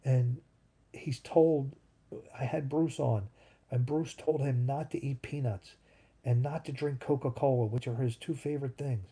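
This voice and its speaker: A man in his fifties hosts a live stream, casually rambling and thinking aloud as he answers what viewers write. His medium-pitched voice is mellow with a breathy edge, fairly even in intonation and unhurried.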